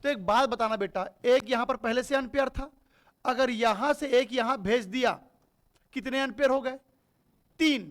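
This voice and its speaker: A man's voice: very high voice, moderate pace, a bit bright. A man teaching a chemistry class. He asks his students questions and answers them himself, calling them "beta". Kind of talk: classroom lecture.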